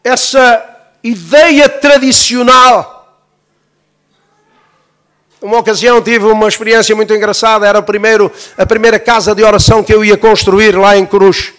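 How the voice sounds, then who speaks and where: Very high-voiced Portuguese pastor teaching. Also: male voice, steady tone, normal speed. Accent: European Portuguese. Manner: emphatic, rising to near-shouts, calls for "amen". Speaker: pastor teaching a Bible school. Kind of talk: Bible-school teaching with sermon cadence.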